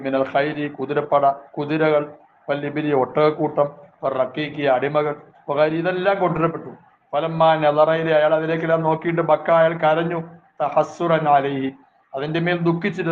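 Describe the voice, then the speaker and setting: Malayali man teaching religion over tinny audio. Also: on the high side. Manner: reads Arabic phrases then explains them, slow and measured with prayers. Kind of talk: religious class, reading Arabic and explaining. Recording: tinny phone-like audio with faint hiss.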